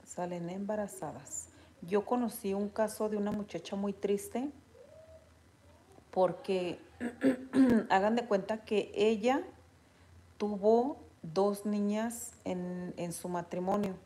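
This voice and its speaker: Mexican woman, casual vlog chat with viewers, unhurried delivery, soft warm tone. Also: mid-range voice. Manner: chatty, animated retelling, laughs often. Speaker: vlogger reading viewer comments.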